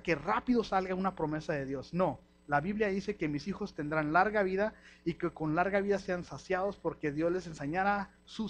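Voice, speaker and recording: Lively Mexican preacher man, fairly high voice. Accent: Mexican Spanish. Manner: lively, slangy, acts out quoted voices. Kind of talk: sermon.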